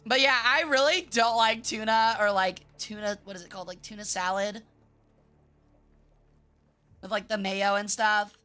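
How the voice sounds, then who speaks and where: A woman's voice: medium pitch, fairly even intonation, moderate pace, pauses often, sharp tone, smooth, soft background music. A woman livestreamer chatting to her viewers in a playful, cutesy anime-streamer manner.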